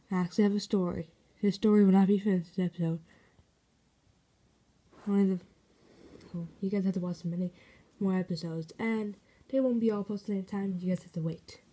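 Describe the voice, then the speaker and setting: A woman's voice: mid-range voice, dark tone. A woman casually commenting while she plays a game, reading in-game notes aloud and reacting as she goes. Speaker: game video maker.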